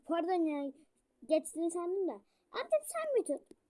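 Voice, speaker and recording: Young girl gaming with a friend, high voice that jumps all over, bossy and teasing. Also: normal speed. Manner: bossy, teasing, excitable, slangy. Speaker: gamer. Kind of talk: casual gaming banter.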